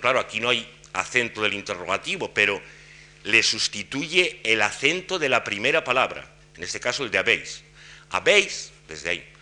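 A man giving an academic lecture on grammar and intonation, explaining in a measured way with frequent pauses. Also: on the low side, pushed and bright. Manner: demonstrates intonation patterns by voicing example questions.

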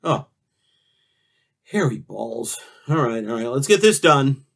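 A man hosting a comic talk show, rambling through absurd questions and deadpan jokes. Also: mid-range voice, takes it slowly, gravelly.

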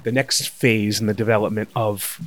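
A man's voice: fairly low pitch, flat delivery, normal speed, slight background noise. A man who teaches MRI technologists, telling stories as a guest in a casual conversation.

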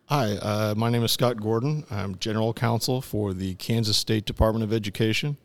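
Low, creaky middle-aged man being interviewed. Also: a little fast. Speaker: interview guest, government attorney. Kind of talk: conversational interview answers.

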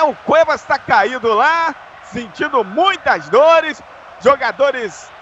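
A Brazilian man giving colloquial, animated live radio commentary on a football match. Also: very high voice. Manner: colloquial, animated play-calling. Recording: dull, lo-fi sound with faint noise.

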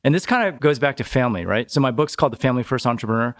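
This man, a business owner guesting on a podcast, talks rapid-fire in a mid-pitched voice. Casual and chatty in the conversational interview, he frequently tacks "right?" onto his sentences.

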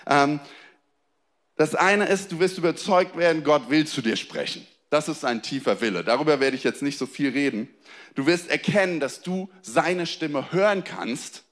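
A young man preaching a sermon to a congregation, shifting between soft, low emphasis and raised, excited lines, asking for amens and applause. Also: normal speed. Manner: addresses the congregation directly, calls for amen and applause. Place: church hall before a congregation.

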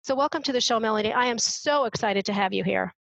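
A woman's voice: fairly high pitch, fast, vocal fry, fairly bright tone, slight background noise, rough recording. A woman hosting a radio interview show in an upbeat way, reading her introductions with care.

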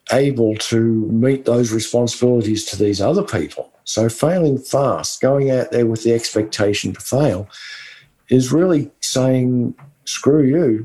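Mellow man with a West Texas twang. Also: mid-range voice, poor audio. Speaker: podcast co-host. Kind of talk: conversational business advice talk.

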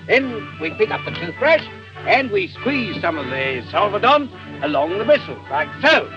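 A muffled old film soundtrack with music carries a British street hawker, a man with a high, swooping voice. He rolls out pushy, theatrical sales patter in a 1930s movie manner, glib and patronizing. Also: very animated. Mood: coaxing, bossy. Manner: theatrical, fast-talking hawker's patter with mock-learned flourishes.

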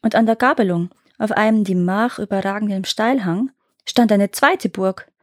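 A woman reading a fairy tale aloud in calm, measured narration. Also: medium pitch, no echo, studio quality. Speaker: storyteller.

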